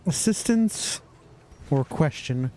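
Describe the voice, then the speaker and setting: A man's voice: on the high side, lively intonation, slow, darkish tone. A young man giving casual, sarcastic commentary while playing a game. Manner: sarcastic, mocking, talks to himself. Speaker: streamer.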